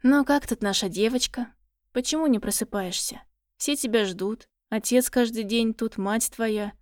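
Woman reading a kind caretaker lady, gentle and coaxing. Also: fairly high pitch, moderate pace, dry recording, studio quality, close to an everyday voice. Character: kindly woman caring for a patient.

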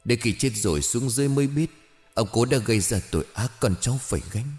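The ghost of an old grandfather speaks gently to his kin, voiced by a man. His tone is soft and regretful, with a lively rise and fall. It is read aloud as a ghost story. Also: medium pitch, quick pace, in a large hall, soft background music, pitched above the performer's own voice, lightly acted. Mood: remorseful.

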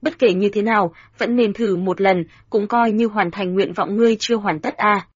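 A woman reading the lines of a determined young male sword cultivator in a storybook, in a calm, measured way. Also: mid-range voice, slightly rough, dry recording, natural voice. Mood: resolved. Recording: dull, dry lo-fi sound.

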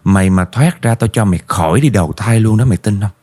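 Brief: harsh older exorcist, deep dark voice, blunt commands, read by a man. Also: fast, faint music behind, natural voice. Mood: stern. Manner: harsh, scolding, blunt orders. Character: stern older male exorcist, commanding and threatening.

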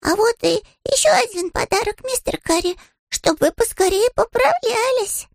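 A woman's voice: extremely high pitch, lively intonation, moderate pace, dry recording, studio quality, voice pushed up. A woman voicing a small, earnest young bear cub in a storybook reading, sounding eager and innocent.

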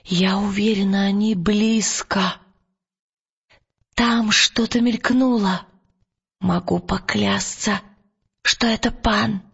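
A man voicing a lively, curious girl in an audiobook, eager and hushed. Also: sits high, slow, vocal fry, pauses often, husky, dull audio, exaggerated voice. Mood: excited hush.

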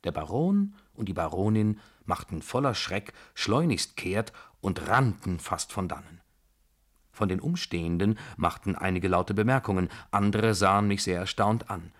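Low-voiced man narrating a novel. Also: animated, fairly bright tone. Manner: measured, unhurried storytelling.

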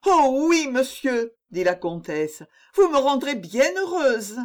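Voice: mid-range voice, very animated, extremely slow, fairly bright tone, pitched above the performer's own voice, heavily acted. A reader voicing a flustered, adoring countess in an audiobook, breathless and eager to please. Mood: gushing. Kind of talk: audiobook character voice.

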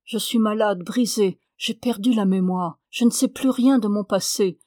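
A woman's voice: mid-range voice, normal speed, warm tone, dry recording, close to an everyday voice. A troubled amnesiac man, nervous and pleading, as a woman reads him in an audiobook. The sound is dry and close. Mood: anxious.

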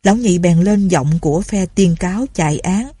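Husky low-voiced woman storyteller. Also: moderate pace, mellow, dry recording. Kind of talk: audiobook story narration.

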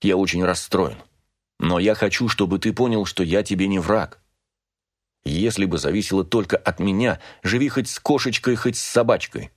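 A man's voice: low voice, normal speed, no echo, clean studio sound. A man voicing a grief-stricken middle-aged father who pleads with his son, emotional and rising to anguished cries, read as an audiobook character. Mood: pleading.

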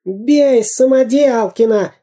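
A man voicing a sly, spiteful male spy in a storybook reading, egging others on in a shrill voice. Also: takes it slowly, mellow, full character voice.

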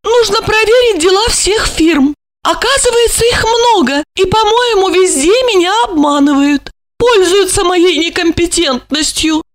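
Woman playing a high, sighing, affected rich widow. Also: a little slow. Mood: agitated.

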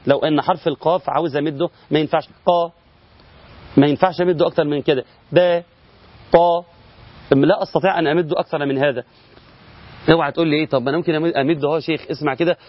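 In a recorded lesson on Quran recitation rules, a middle-aged Egyptian Arabic–accented man races through step-by-step explanations, questioning and answering himself and stretching out example words. His fairly high voice stays steady in tone, though the highs are cut off.

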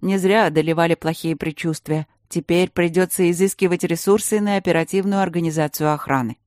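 A woman narrating an audiobook in a steady, measured way. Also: on the low side, no echo, clean studio sound. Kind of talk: scripted narration.

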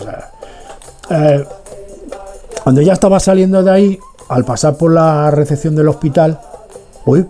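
A radio host with a slightly high, dark-toned voice rambles through a long personal anecdote on air. He keeps digressing, filling the tale with "tal y cual" asides.

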